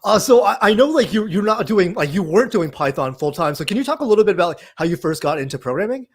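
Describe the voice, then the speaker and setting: He runs the livestream for a Python meetup over video call, hosting the interview casually with a steady stream of "uh" and "like." The man's voice is high-pitched, expressive, quick, and slightly rough.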